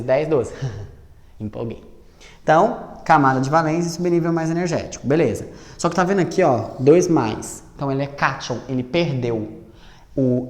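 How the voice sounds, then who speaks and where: A man teaching chemistry, lively, asking and answering his own questions and spelling out each step slowly. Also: mid-range voice. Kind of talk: classroom lesson at a board. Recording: roomy echo with long reverb.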